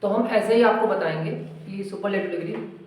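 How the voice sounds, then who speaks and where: A man teaching an English grammar lesson in a classroom, explaining slowly and asking the pupils questions. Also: sits high. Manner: explains slowly, asks pupils questions and repeats their answers. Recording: very echoey classroom, mic far off.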